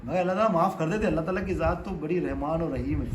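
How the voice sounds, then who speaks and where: A man's voice: a little high, echoey room, slight background noise, rough recording. A man giving a religious sermon, telling stories and asking rhetorical questions, rising to emphatic peaks. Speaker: preacher.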